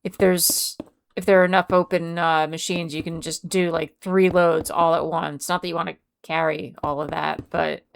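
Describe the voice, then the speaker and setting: Chatty woman streamer, lowish voice. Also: flat delivery, moderate pace, creaky, a little hiss or hum. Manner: chatty, reads and answers chat aloud. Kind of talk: casual live-stream chat. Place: home.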